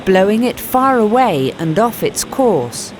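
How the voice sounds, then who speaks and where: Expressive woman reading a storybook. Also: medium pitch, measured pace, very noisy. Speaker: narrator.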